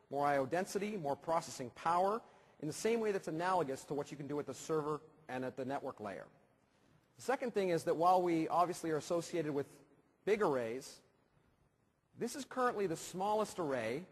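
A man's voice: on the high side, slightly rough. Eager man demoing on a conference stage. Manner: brisk, enthusiastic, gesturing while demoing. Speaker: keynote presenter. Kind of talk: live product demo on stage. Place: large conference hall stage. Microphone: headset mic. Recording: long hall reverb.

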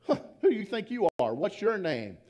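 Man doing a twitchy grumpy burglar guy, scoffy, dark mellow voice. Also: medium pitch, sing-song, normal speed. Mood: scornful. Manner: irritated, scoffing. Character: jumpy adult male burglar, irritated and scornful.

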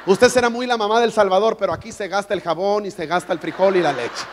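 Male preacher putting on a loud, blunt, nagging man, comic and high-pitched. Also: fast, a little hiss or hum, natural voice. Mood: scolding. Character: pushy grown man nagging an older lady.

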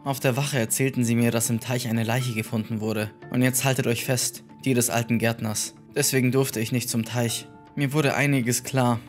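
A man reading horror stories aloud in a measured, scripted way. His voice sits at an ordinary middle pitch, with faint music playing underneath. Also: steady tone. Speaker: narrator.

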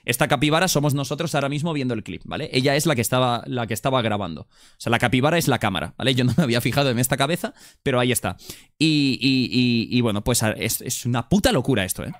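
Excitable young Spanish streamer man. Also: medium pitch, fast talker, dry recording, clean studio sound. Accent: Spain Spanish. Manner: excitable and slangy, repeats words in bursts. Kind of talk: live reaction stream.

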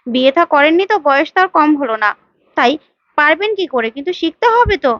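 A woman reads out a scheming young wife who coaxes and wheedles to get her way. The voice is high-pitched, dry and slightly dull. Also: animated, quick pace, dry recording. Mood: wheedling. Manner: wheedling, coaxing.

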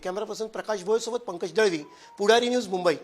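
A man's voice: high-pitched, quick pace. A man, a field reporter pressing an interviewee with questions.

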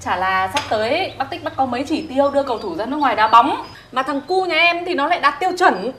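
A woman's voice: high voice, animated, quick pace, sharp tone, slight background noise. A woman playing a village mother who politely begs an official's wife to help her son. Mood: pleading. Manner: pleading, deferential.

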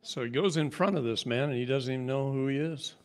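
A man speaking at a seminar in a mid-range voice, animated and joking with the room. When he gets worked up, his voice climbs noticeably higher. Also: a little fast. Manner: animated, jokey, voice rises high when worked up. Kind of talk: live seminar talk.

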